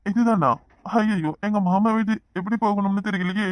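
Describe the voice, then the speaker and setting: A woman's voice: mid-range voice, fairly even intonation, moderate pace, dry recording, close to an everyday voice. A woman voicing an awkward young man back from abroad, who mixes broken English into his Tamil in a cartoon. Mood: lost.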